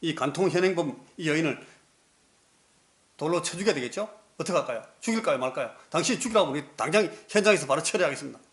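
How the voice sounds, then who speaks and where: A man's voice: a little high, lively intonation, quick pace, a bit bright, pitched above the performer's own voice. A male preacher voicing scheming men who mockingly press a teacher with a trap question. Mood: goading. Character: scheming male accusers, mock-polite and menacing.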